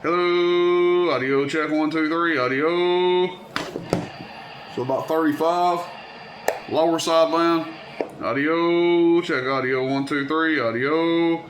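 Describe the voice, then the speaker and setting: A man's voice: on the high side, steady tone, slow, noisy background. Man's voice over mistuned sideband radio. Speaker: CB radio seller demonstrating a radio. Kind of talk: casual product demo.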